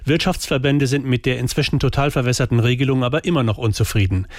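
A man's voice: mid-range voice, quick pace, no room sound, clean studio sound. A man delivering a pointed, sarcastic scripted radio commentary.

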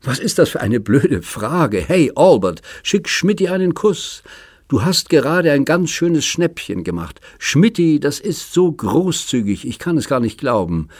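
A man voicing an overjoyed young woman in an audiobook, raising his voice high and bright. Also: very animated, a little slow, breathy edge, no room sound, studio quality, exaggerated voice. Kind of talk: audiobook reading.

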